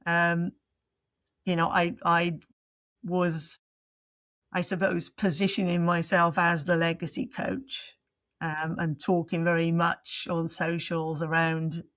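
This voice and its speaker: Thoughtful, low-voiced woman coach. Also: little pitch movement, slow pace, fairly bright tone, dry recording. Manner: thoughtful, searching for words. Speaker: leadership coach, guest. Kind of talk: reflective interview answers.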